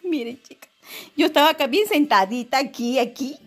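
A middle-aged woman with a Peruvian accent chatting excitably to her followers in a casual home vlog while she sees to her potted plants. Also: sits high, moderate pace. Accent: Peruvian Spanish. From Peru. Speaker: vlogger.

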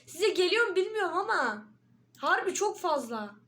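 Brief: high-pitched woman, jittery horror-game let's play commentary, frequent shrieks and curses. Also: big pitch swings, moderate pace, a bit bright. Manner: jumpy, frightened, swears and shrieks often. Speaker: gaming video creator.

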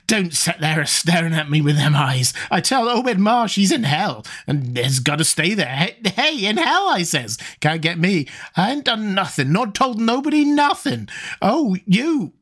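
Man putting on a shrill raving old coot. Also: very animated, normal speed, a bit bright, full character voice. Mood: frantic. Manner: shrill, frantic, rustic dialect. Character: terrified raving old male drunkard.

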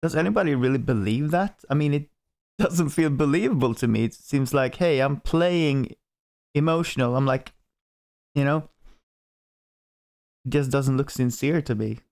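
A Swedish-accented man hosting a music reaction video, giving frank opinions in an unhurried, casual way. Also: mid-range voice, vocal fry, darkish tone. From Sweden.

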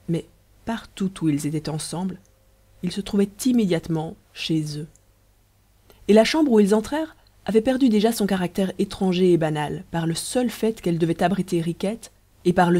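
An audiobook narrator reading a story aloud in a measured, wry storytelling manner. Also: medium pitch, dark tone.

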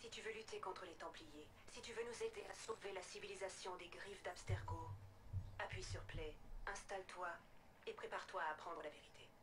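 A woman's voice: on the low side, a little fast, noisy background, natural voice. An actress voicing an earnest female rebel recruiter in dubbed game dialogue, persuasive and direct. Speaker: game character.

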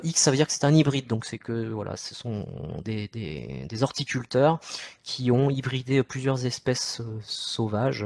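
A man's voice: medium pitch, gravelly, darkish tone, no echo, studio quality. A man with a French accent giving an informal online nature lecture from home, chatty, with many fillers and restarts as he talks through his slides. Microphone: computer mic at home.

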